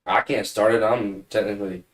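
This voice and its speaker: Casual male player, lowish voice. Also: steady tone, a little fast, low-quality recording. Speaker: tabletop game player. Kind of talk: casual table chat.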